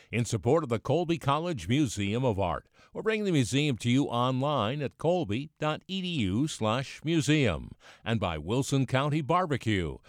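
A man reading scripted station announcements in a loud, dense radio announcer voice. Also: mid-range voice, no room sound, studio quality.

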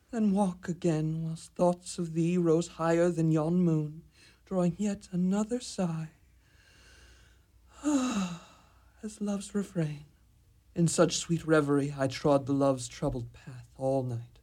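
A man with a fairly high, warm voice plays a lovesick young suitor in an amateur radio drama, earnestly declaiming ornate, archaic verse.

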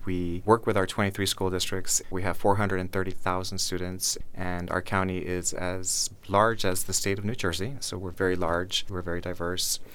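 A man speaking as an interviewed schools official, earnest and measured, often repeating words for emphasis. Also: sits low, level tone, a bit bright, clear, resonant tone. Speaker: county schools superintendent being interviewed. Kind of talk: prepared interview answers.

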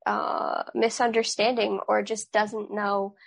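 Flat-toned teenage girl explaining carefully. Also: medium pitch, takes it slowly, creaky. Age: teens. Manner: careful, explanatory, many fillers. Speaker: student panel guest.

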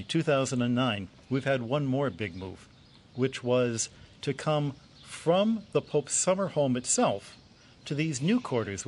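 A man with a mid-pitched voice talks informally, like a guide explaining his work to an interviewer. He tells things as stories in an echoing indoor hallway, with clear noise behind him. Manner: storytelling, explains with rhetorical questions. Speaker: observatory astronomer giving a tour. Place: echoing indoor room of an old convent building.

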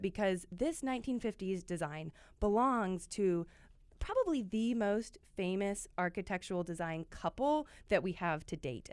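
A woman's voice: mid-range voice, no room sound. Upbeat woman podcast host. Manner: upbeat, conversational, with fillers like "like" and "uh". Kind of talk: scripted narration with casual asides.

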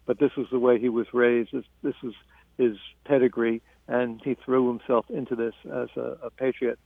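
Gravelly male author on a phone line. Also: medium pitch, little pitch movement, no echo. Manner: measured, halting, with frequent restarts. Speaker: author being interviewed. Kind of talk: radio interview.

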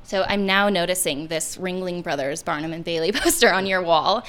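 A woman's voice: lowish voice, normal speed, a bit bright. Curious woman interviewing a guest. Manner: curious, friendly questions with light laughter. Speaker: podcast co-host.

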